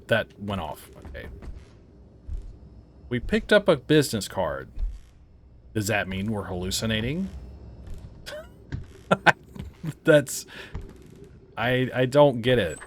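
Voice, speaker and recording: A man with a low voice talks through a horror game, thinking aloud. His delivery swings widely in pitch, from puzzled mutters to startled yelps and laughs, over a faint background hiss. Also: very animated, slow, long pauses. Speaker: game reviewer playing a horror game. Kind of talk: casual let's-play commentary.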